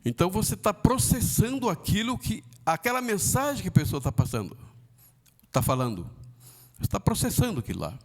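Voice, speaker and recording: A Brazilian man teaching Sunday school in a fairly high voice that rises and falls widely. He talks haltingly, full of fillers and tag questions, and now and then acts out the voices of the people he quotes. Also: sing-song. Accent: Brazilian Portuguese. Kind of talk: church Bible lesson.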